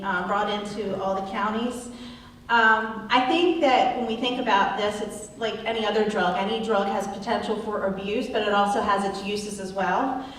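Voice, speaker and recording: Woman candidate, earnest, hesitant ums, heard from across a boomy hall. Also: fairly bright tone, slight background noise. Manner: earnest, with frequent ums and restarts. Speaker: council candidate. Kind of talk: candidate forum answers. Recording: echoey hall, distant mic.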